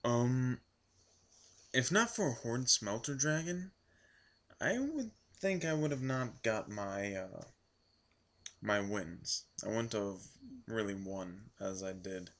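A man with a hoarse, worn voice from yelling, recapping a card game event in a casual, rambling vlog full of ums and restarts. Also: mid-range voice, lively intonation, slow, long pauses.

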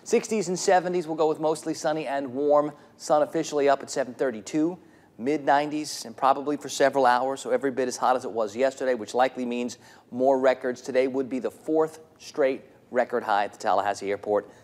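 A man's voice: mid-range voice, steady tone, brisk, darkish tone. Conversational male TV weather forecaster.

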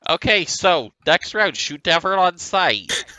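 A man's voice: high voice, animated, slow pace, pushed and bright, rough recording. Man making dry jokes during a game. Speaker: game player. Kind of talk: casual gaming chat.

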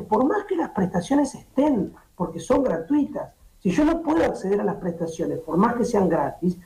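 Warm in tone and high in pitch, a middle-aged Uruguayan doctor speaks in Uruguayan Spanish as a guest on a streaming show. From an indoor home office over a laptop or webcam video call, he explains at length, restarting frequently and using fillers, in echoey audio.

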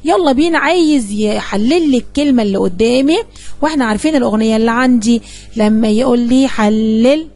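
A woman teacher with an Egyptian accent, talking at a quick clip in a slightly raised voice. She coaxes the class along, asking questions and answering them herself as she explains a grammar lesson. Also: fairly high pitch, darkish tone. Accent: Egyptian Arabic.

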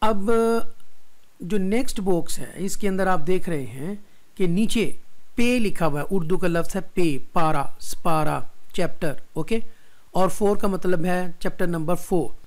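A Pakistani man with a Pakistani accent teaching a recorded Quran reading lesson, slowly and deliberately, mixing English and Hindi-Urdu and checking in with his students. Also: high-pitched. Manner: slow and deliberate, drawing out each word.

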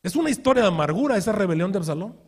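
A male pastor preaches in a husky, fairly high voice. He tells the story with vivid acted-out quotes and rhetorical questions to the congregation. His delivery swings between hushed asides and loud, forceful bursts. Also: animated, rapid-fire. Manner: shifts from quiet asides to loud shouted outbursts. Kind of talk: sermon.

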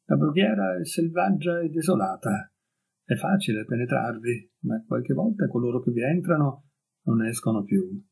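A man reading the lines of a gentle, mysterious young noblewoman in an audiobook story, in a soft, dreamy and dignified way. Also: mid-range voice, lively intonation, normal speed, creaky, slightly rough, poor audio.

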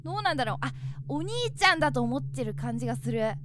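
Lively high-voiced woman reacting to horror game. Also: quick pace, background noise. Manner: animated, jumpy, refers to herself by name. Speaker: game streamer. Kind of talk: horror game let's play commentary.

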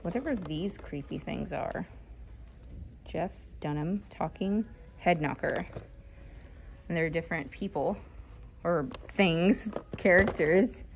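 With a fairly low, creaky voice, a woman in her thirties who resells vintage items walks casually through a thrift-store haul at a slow pace with long pauses, thinking aloud amid fillers and small laughs. It was captured on a handheld phone in a large store, with a little hiss or hum.

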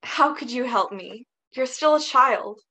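A woman's voice: high voice, expressive, unhurried, bright, forceful tone, exaggerated voice. A woman reading the part of a restless, earnest young woman at a script read-through. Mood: impatient.

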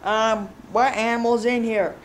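A woman performing an improvised toy skit, voicing every character herself and jumping between squeaky high voices and low mutters. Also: fairly even intonation, measured pace, noisy background.

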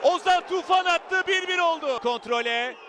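Very high, screaming male football commentator. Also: moderate pace. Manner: excited, screaming goal calls. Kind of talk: live match commentary. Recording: noisy stadium broadcast with crowd.

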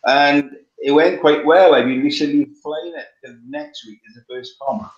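A middle-aged man with a Welsh accent and a higher-leaning voice talks at normal speed on a casual video call. Appearing as a guest competition flyer from his living-room couch, he fills his speech with ums and restarts, picked up by a webcam with roomy, dull lo-fi sound.

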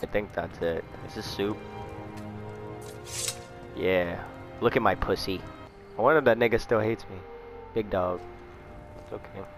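A young man giving profane let's play commentary, muttering low and then shrieking in panic. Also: measured pace, pauses often, over music. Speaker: gamer.

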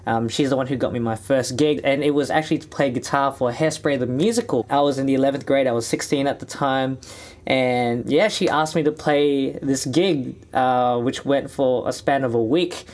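A man's voice: medium pitch, moderate pace, darkish tone. A young man with an Australian accent from Sydney, talking in a chatty, upbeat vlog to camera from a small studio. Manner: chatty, upbeat, gestures a lot with hands. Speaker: musician and vlogger. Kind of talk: casual direct-to-camera vlog. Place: small indoor music studio.

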